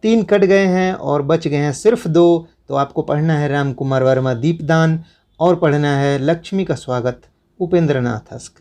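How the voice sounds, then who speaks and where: A man's voice: a little high, normal speed, a little mellow. A man teaching students, going through a school syllabus and telling them which chapters to cross out, in a repetitive, instructive way. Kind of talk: syllabus walkthrough lesson.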